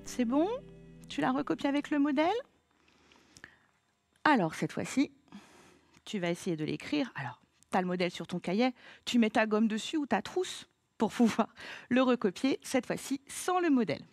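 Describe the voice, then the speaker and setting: A woman teacher leading a child through a slow, patient spelling lesson, spelling words letter by letter. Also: a little high, big pitch swings, no echo, clean studio sound, faint music behind.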